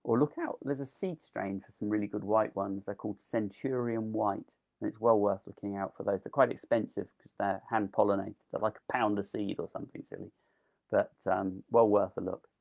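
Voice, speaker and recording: Speaking fairly quickly with a lowish, slightly mellow voice, fairly even intonation and some vocal fry, a man presents a live online gardening talk about delphiniums, which he grows. His voice is fading, yet he remains enthusiastic and chatty, peppering his speech with ums.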